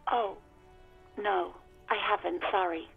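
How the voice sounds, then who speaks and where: A woman's voice: mid-range voice, steady tone, slow, creaky, husky, soft background music, full character voice. An actress playing an anxious, exasperated young woman in a video game, speaking hesitantly and resignedly through a radio receiver. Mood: uneasy. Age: young adult. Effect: radio receiver filter. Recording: narrow tinny radio line.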